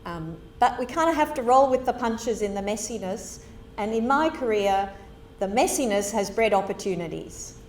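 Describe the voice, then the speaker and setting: A woman's voice: mid-range voice, darkish tone, a little hiss or hum. A middle-aged woman from Zimbabwe giving a public lecture as a guest speaker, telling her story in a candid, conversational way. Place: lecture hall. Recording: roomy hall with faint ambience.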